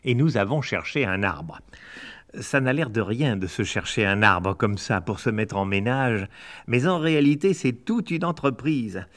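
A middle-aged man narrating a storybook with a gentle, wry touch. His voice sits in an ordinary middle register and moves at an even pace. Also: medium pitch, unhurried. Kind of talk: storybook reading.

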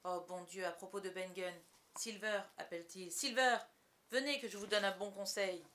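A composed, dutiful ship's doctor speaks in a measured, earnest way, as a woman reads him. His voice stays close to the reader's own. This is storybook narration. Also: mid-range voice, fairly bright tone, natural voice. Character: calm, dutiful middle-aged male ship's doctor.

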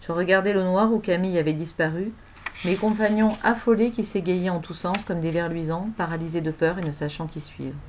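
A woman narrating a novel aloud in an expressive storytelling manner. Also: fairly low pitch, brisk, a little hiss or hum, rough recording. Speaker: audiobook narrator.

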